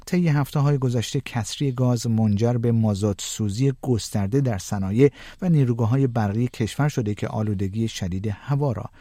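A male news anchor reads his bulletin in a measured, even way. His voice is dark and mellow. The sound is dry and close, with no room around it. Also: medium pitch, dry recording. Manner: measured, even newsreader delivery. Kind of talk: scripted news reading.

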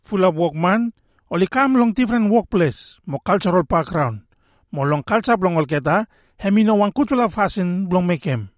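A man's voice: high voice, animated, moderate pace, dry recording, clean studio sound. A man with a Solomon Islands accent presenting a scripted explainer in Solomon Islands Pidgin. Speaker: radio presenter.

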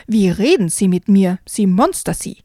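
A woman's voice: mid-range voice, sing-song, moderate pace, mellow, no echo. A vain, sporty frog father, read by a woman scolds his children and bristles at insults with pompous self-importance. Dry, close storybook reading. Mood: indignant.

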